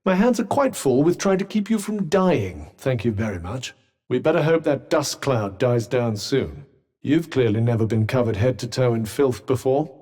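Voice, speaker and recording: Game casting: male actor as fussy sentient magic cuff, British, wry and pompous, mid-pitched, heavy reverb. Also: lively intonation, normal speed, darkish tone, close to an everyday voice. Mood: fussy, sardonic. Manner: dry, wry, pompous, articulate. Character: sardonic, fussy talking magic cuff, a bickering companion. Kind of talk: video game character dialogue. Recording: long reverberant echo on voice.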